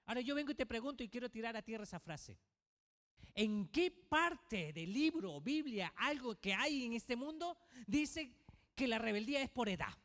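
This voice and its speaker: A man's voice: very high-pitched, animated, moderate pace, a bit bright. A male pastor preaching a sermon to his congregation, asking many rhetorical questions. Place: church. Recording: reverberant church hall.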